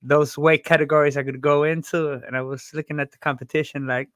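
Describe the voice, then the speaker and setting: A man's voice: a little high, level tone, a little fast, fairly bright tone, no room sound. Plain-spoken man, dry close sound. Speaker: guest, boxing coach. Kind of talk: casual interview.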